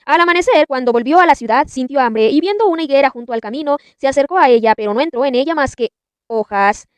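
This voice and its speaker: A woman reading scripture aloud in a measured, deliberate narration. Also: sits high, lively intonation, dry recording. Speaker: Bible narrator.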